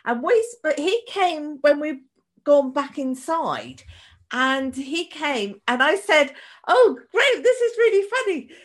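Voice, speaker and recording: A woman's voice: sits high, animated, slow. A woman hosting a podcast, chatting casually with her guest. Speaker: podcast host. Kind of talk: casual interview chat.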